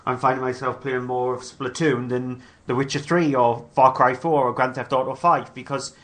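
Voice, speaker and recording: A man's voice: medium pitch, little pitch movement, moderate pace, a bit bright. A man on a podcast panel, chatting in a rambling, easygoing way. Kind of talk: casual chat about games.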